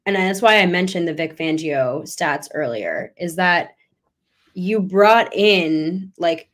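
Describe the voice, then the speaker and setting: A woman's voice: lowish voice, slow. A young woman hosting a sports podcast, talking casually and getting emphatic. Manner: animated, rising emphatic talk. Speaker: podcast host.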